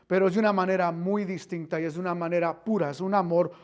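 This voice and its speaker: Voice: medium pitch, fairly even intonation, quick pace, a little mellow. A Bible teacher giving an interactive class, quizzing the listeners, repeating phrases and dropping in English filler words.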